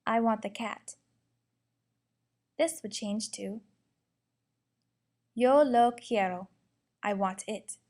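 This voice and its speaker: A young woman slowly and carefully reading out a lesson, explaining grammar and its examples. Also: on the high side, a little mellow. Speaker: student presenter. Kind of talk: instructional narration.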